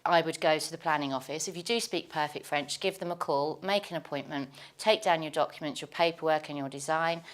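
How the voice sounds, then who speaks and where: A woman's voice: deep voice, fairly quick, hardly any pauses. A woman on a property panel, giving confident, practical advice. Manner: confident, practical, matter-of-fact. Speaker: property panel expert on France.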